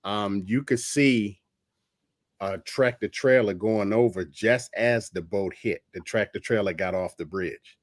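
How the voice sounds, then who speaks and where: A man in his fifties hosting a relaxed chat on a video call, easygoing and affirming. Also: on the low side, measured pace, dry recording, clean studio sound. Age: 50s. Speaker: host. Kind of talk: casual chat.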